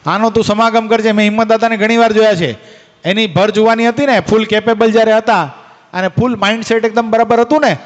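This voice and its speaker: Male preacher, higher voice, quizzes the crowd by name, long reverb. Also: highs cut off. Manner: questions and teases listeners by name. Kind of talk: devotional discourse to a gathering.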